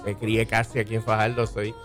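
A man's voice: on the low side, brisk, faint music behind. A man in his forties with a Puerto Rican accent, a stand-up comedian guest telling stories in a casual interview chat. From Puerto Rico. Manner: lively, promotional storytelling.

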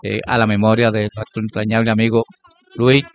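A man's voice: lowish voice, level tone, fairly quick. A man speaking on a radio talk show, hesitating often with filler sounds and restarts. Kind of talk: spoken radio tribute.

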